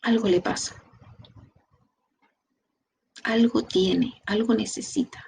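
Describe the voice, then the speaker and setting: A woman with a Chilean Spanish accent giving a training lecture, lively, asking her students rhetorical questions. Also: mid-range voice, slow pace, creaky, breathy edge. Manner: lively, talks to the class directly with rhetorical questions. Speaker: instructor.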